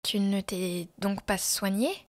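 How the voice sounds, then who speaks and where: A woman's voice: medium pitch, steady tone, unhurried, no room sound, clean studio sound, close to an everyday voice. A woman voicing an embarrassed young male army captain who speaks hesitantly and awkwardly, in a storybook reading.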